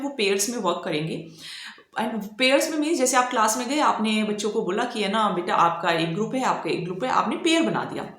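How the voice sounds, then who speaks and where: A woman's voice: fairly high pitch, reverberant. A woman teaching an online exam-prep lecture. She switches between Hindi and English and keeps checking in with "okay" as she explains.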